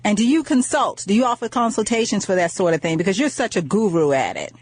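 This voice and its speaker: A woman's voice: medium pitch, expressive, fast, breathy edge. A woman hosting a radio talk show, upbeat and chatty, repeating words and using fillers.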